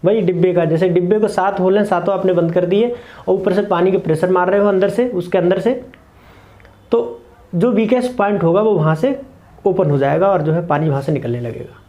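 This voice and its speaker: A man's voice: sits high, brisk, lo-fi sound. A man teaching meditation to camera, explaining earnestly and repeating key points in short lists. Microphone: camera mic, speaking to camera.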